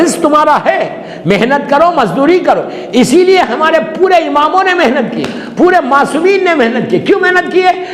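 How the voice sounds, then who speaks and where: Male cleric, very high and animated voice, emphatic sermon delivery, roomy hall echo. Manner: emphatic preaching, mixes English words, drops to hushed low tones for drama. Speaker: Shia cleric delivering a majlis. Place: large lecture hall. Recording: echoey hall with long reverb.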